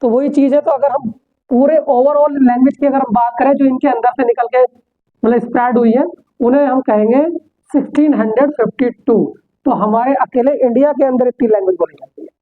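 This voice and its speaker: A man's voice: very high-pitched, steady tone, brisk. A man teaching an English class, explaining step by step and answering his own rhetorical questions. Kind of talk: classroom lecture. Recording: tinny phone-like sound.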